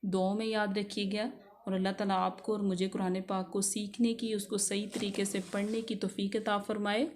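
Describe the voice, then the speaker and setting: A woman teaching a spoken recitation lesson, drawing out each example word slowly and having listeners repeat after her. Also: mid-range voice, flat delivery, darkish tone, slight background noise. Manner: drawn-out elongated recitation of example words. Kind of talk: slow spoken tajweed lesson.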